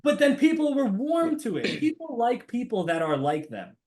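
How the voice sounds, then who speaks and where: A man with a New Jersey accent, a podcast guest talking in a lively, casual way with many restarts. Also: very high-pitched, normal speed. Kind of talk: casual conversation.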